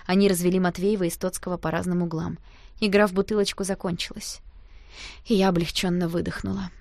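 A woman reading a first-person audiobook aloud, with a lively, expressive delivery on a close mic. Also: on the low side, fairly quick, vocal fry, dry recording. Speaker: audiobook narrator.

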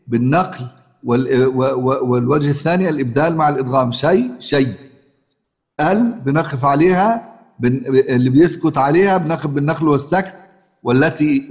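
A man with an Egyptian accent teaching Quran recitation rules, often asking his students questions and repeating himself. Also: on the high side. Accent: Egyptian Arabic. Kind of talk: colloquial Egyptian Arabic lesson. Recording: long hall reverb.

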